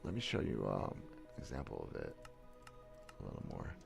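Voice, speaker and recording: This is casual livestream commentary from a gaming streamer, a man in his thirties seated in a small room with a headset mic and webcam framing. His very deep, creaky voice swings hugely in pitch at a fairly quick pace, with music in the background. He brags bluntly, stammering and starting over many times.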